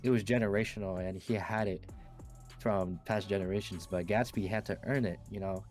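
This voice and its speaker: A teenage boy with a low voice, easygoing as he steers a school podcast chat and sprinkles in "you know." Light music runs faintly underneath. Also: moderate pace. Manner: relaxed, with frequent "you know". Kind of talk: casual class podcast discussion.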